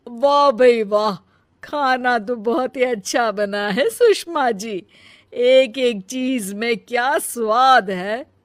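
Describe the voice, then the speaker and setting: Woman putting on a gushing, slow-talking older aunt. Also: on the high side, no room sound, clean studio sound. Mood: admiring. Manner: effusive.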